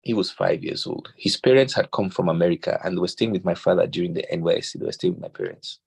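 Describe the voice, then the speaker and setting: Speaking quickly in a deep, creaky, husky voice, a Nigerian man gives a parenting talk. He animatedly tells stories, quotes scripture and performs the quoted dialogue.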